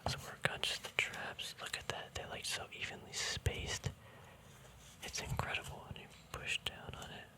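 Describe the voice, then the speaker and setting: Using only a soft, breathy whisper, this man hosts an intimate ASMR session about his card collection at a normal speed. His talk meanders in a relaxed, hobbyist way, and he sounds informal, poking gentle fun at himself.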